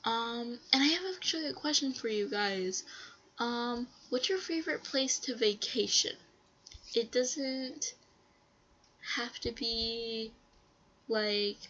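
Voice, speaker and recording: A woman's voice: a little high, sharp tone, highs cut off. A woman vlogger with a stuffy nose chatting casually to her viewers, rambling with frequent ums. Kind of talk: casual vlog chat.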